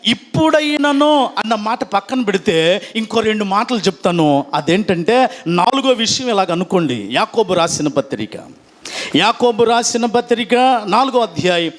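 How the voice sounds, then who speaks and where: A pastor preaching a sermon, leading the congregation in call-and-response and mixing in English phrases. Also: male voice, sits high, lively intonation, moderate pace.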